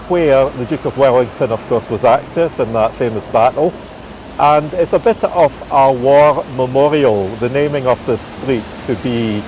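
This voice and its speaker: A man with a Scottish accent gives an informal, halting live walking-tour commentary as a guide outdoors. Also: medium pitch. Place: outdoors on a rainy city street. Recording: outdoor street noise, passing traffic.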